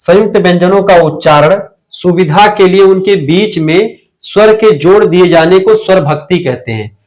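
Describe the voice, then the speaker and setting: A man's voice: sits high, normal speed, a little mellow. A young Indian man teaching a live online revision class, asking questions and answering them himself.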